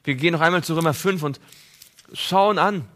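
Male preacher, somewhat high-pitched, emphatic sermon delivery that drops to near-whispers, speaks to listeners personally. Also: normal speed. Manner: emphatic, swings between raised and hushed delivery; addresses listeners directly and personally.

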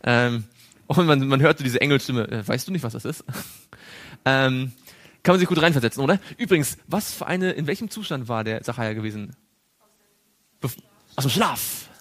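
A man leads a Bible study in a church group room, talking at a mid pitch. He keeps turning to the group with questions and chuckles now and then as he sketches on a board. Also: animated, normal speed, long pauses, a bit bright. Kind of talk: interactive Bible study lesson.

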